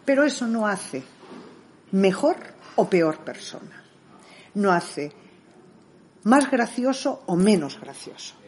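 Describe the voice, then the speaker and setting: A middle-aged woman, an interview guest, telling stories in a lively way and acting out what people said. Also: mid-range voice, a little hiss or hum. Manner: animated storyteller who acts out dialogue. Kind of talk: conversational interview.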